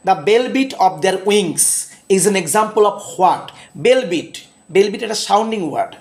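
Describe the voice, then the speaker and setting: A middle-aged man teaching English for an exam, reading each example slowly before he explains it. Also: on the high side. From India. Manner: reads English examples slowly and deliberately, then explains briskly. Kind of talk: exam revision lesson.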